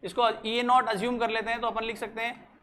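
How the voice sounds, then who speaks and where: Brief: physics tutor, mid-pitched, dictating slowly, repeating lines, faint background hiss. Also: level tone, fairly bright tone. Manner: dictates slowly, repeats phrases, quizzes students. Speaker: physics teacher. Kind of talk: classroom lecture mixing Hindi and English.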